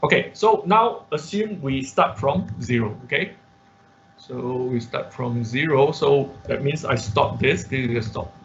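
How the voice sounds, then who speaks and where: This online class instructor walks through an informal screen-share lesson one step at a time, at a measured pace, regularly dropping in check words such as "okay" and "right." His voice is mid-range, and the lo-fi recording sounds dull with slight hiss or hum.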